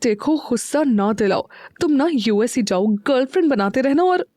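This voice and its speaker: Audio-story casting: a woman playing a fiery Punjabi young wife, indignant and higher-voiced. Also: lively intonation, normal speed, dry recording, clean studio sound, lightly acted. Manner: huffy, indignant and sharp-tongued.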